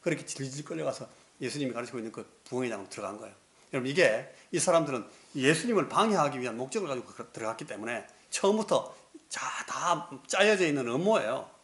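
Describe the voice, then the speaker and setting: Male pastor, sermon, animated storyteller, acts out the scenes, mid-pitched. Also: fast talker.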